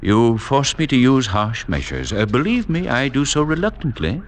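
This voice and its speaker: An actor playing a suave villainous doctor, formal and over-polite with menace, in a 1940s radio drama. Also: male voice, medium pitch, big pitch swings, normal speed, close to an everyday voice. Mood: politely menacing. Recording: noisy 1940s radio recording.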